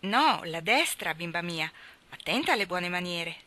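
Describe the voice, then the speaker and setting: Woman reading as a kindly schoolmaster, gentle scolding, bright tone, storybook. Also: on the low side, animated, moderate pace.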